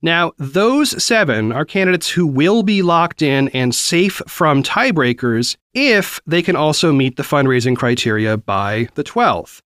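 A man narrates a news podcast as its host. He explains in a conversational way with small asides, in a slightly high, very animated voice. The recording is close and dry. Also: a little slow, few pauses, clear, resonant tone, no echo.

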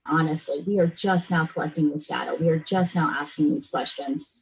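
Speaking a little fast with vocal fry and a breathy edge, a middle-aged American woman with a low-sitting voice is blunt and earnest in a serious conversational interview, delivering emphatically. She grew up in a military family abroad and in Florida; the recording is rough.

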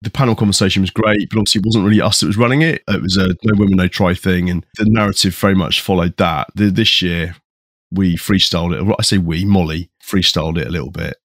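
Low-pitched, slightly husky podcast man. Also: fairly even intonation, quick pace, dry recording, studio quality. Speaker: podcast co-host. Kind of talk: casual panel chat and scripted introduction.

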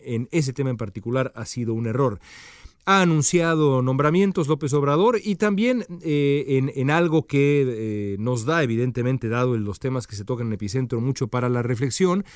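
A man hosting a political commentary monologue, measured and full of hesitant fillers. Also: mid-range voice, darkish tone, dry recording, clean studio sound. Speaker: political commentator and show host.

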